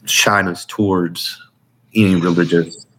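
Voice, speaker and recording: A man with a very low-pitched voice talks casually as an interview guest. He is earnest and informal, rambling and repeating phrases as he shares his experience. There is some background noise in the recording. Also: fairly even intonation, a little slow, fairly bright tone, low-quality recording. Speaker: interview guest, military veteran. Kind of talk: casual conversational testimony.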